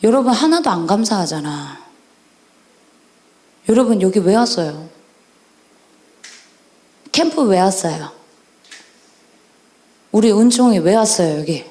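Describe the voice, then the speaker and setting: A woman evangelist preaching a sermon to children at a church camp service, animated and constantly questioning her listeners. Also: medium pitch. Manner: animated, questioning the audience, drawn-out stressed endings. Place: church sanctuary. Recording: echoey church hall.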